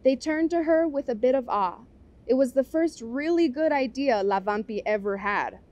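A woman reading a novel aloud in a measured storytelling manner. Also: sits high, lively intonation, darkish tone.

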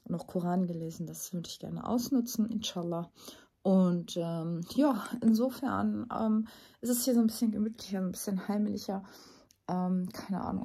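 A woman's voice: mid-range voice, vocal fry, dark tone, breathy edge, dry recording, studio quality. A German woman vlogging casually from her rural home, chatting with many fillers and sometimes dropping to a whisper. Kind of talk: casual vlog monologue. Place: rural house and yard in the country.

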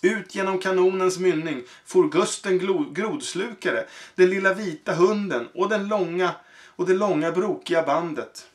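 A man reading a children's book aloud. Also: high-pitched. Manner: halting, with fillers and self-corrections. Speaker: reader.

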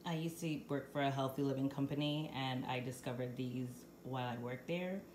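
A woman's voice: extremely low pitch, fairly quick, a little mellow. A woman in her thirties with a Crucian accent from the US Virgin Islands, vlogging casually into a phone held at arm's length. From St. Croix, US Virgin Islands. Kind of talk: casual vlog chat. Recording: noisy handheld phone recording.

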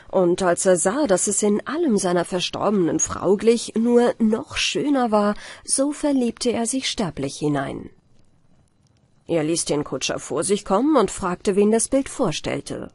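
A woman narrating a fairy tale as an audiobook for falling asleep, in a calm, measured storytelling manner. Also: medium pitch, husky, no echo. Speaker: audiobook reader.

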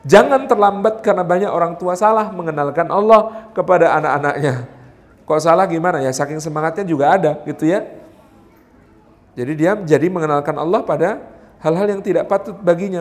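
Lively high-voiced preacher man. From Indonesia. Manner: animated, acts out mother and child voices, addresses mothers directly. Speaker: preacher at a parenting seminar. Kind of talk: lively seminar talk. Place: hotel function hall.

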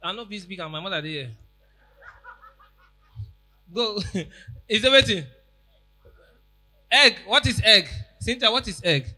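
A man's voice: high-pitched, lively intonation, a little slow, pauses often. Teasing Nigerian man hosting comedy show. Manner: teasing, playful, loud bursts. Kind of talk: stand-up banter in pidgin. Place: large tented event hall, on stage. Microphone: handheld mic.

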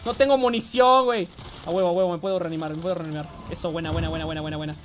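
A man with a Mexican accent giving excitable live gameplay commentary, swearing and often yelling. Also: on the high side, racing, slight background noise. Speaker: game streamer.

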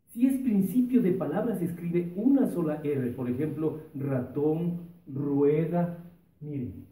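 A man, a primary school teacher giving a remote lesson to children, drawing out each sound slowly. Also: on the high side, mellow, far from the mic. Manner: slow, drawn-out pronunciation of sounds for children. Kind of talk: remote classroom lesson with a sung opener. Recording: echoey room, voice off-mic, light music.

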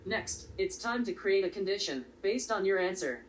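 A woman presenting a step-by-step coding tutorial in a steady, explanatory way. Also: medium pitch, moderate pace. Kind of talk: step-by-step software tutorial narration. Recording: slightly distant voice with faint background noise.

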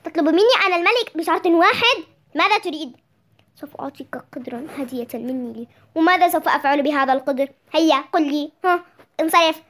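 A young reader voicing a proud, short-tempered king who loudly orders people about. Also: sits high, fast talker. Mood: haughty.

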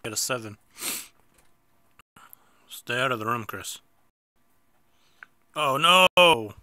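Male gameplay host, stuffy nose, slow bright-voiced chatter, dry close mic. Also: medium pitch, lively intonation, clean tone, no echo. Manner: chatty, self-mocking, sudden outbursts at misses. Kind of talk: casual mobile game commentary.

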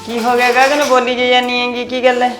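A woman's voice: on the high side, completely flat delivery, fairly quick, a bit bright, soft background music. A young woman playing a placating elder daughter-in-law in a family skit. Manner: soothing, placating.

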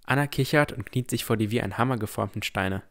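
Taking on the role of a cautious, earnest boy recounting his own fantasy adventure, a man performs scripted first-person narration and dialogue for an audio drama in a reflective mood. His mid-range voice is gravelly and natural, and he talks fast.

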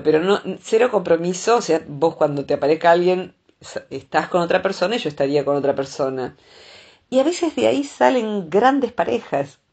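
Husky low Rioplatense woman. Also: darkish tone. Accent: Rioplatense Spanish. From Argentina. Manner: thoughtful, explaining with frequent hesitations. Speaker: psychologist. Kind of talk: explanatory talk on relationships.

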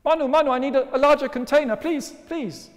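A man voicing a tiny talking fish that pleads for help in a small, squeaky voice. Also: fast talker. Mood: pleading. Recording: long hall reverb.

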